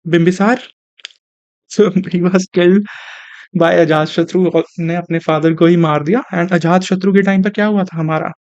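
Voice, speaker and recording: A man's voice: high-pitched, steady tone, a little slow, darkish tone, no echo. A young male teacher gives an online exam-prep lecture, mixing Hindi with terms and asking and answering his own questions. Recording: dry, slightly dull recording.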